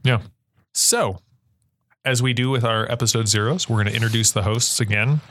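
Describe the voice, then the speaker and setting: A man's voice: mid-range voice, moderate pace, fairly bright tone. A man hosting a casual podcast chat, steering the talk and often chiming in with short agreements. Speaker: podcast host.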